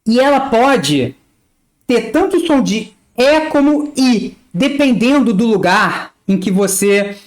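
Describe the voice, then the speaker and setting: Slow, lively Rio-accented teacher woman. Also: on the high side. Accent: Rio de Janeiro Portuguese. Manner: spells out letters and example words one by one, with small laughs. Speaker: language teacher. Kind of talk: slow, careful pronunciation lesson.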